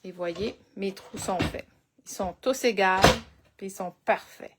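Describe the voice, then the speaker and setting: A woman's voice: mid-range voice, a little slow, heavy background noise. A woman with a Québécois French accent leading a live crafting tutorial, chatting and thinking aloud as she works. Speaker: crafting instructor.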